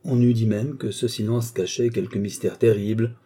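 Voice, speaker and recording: A man narrating a literary novel, reading in a measured, expressive way. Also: lowish voice. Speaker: audiobook reader.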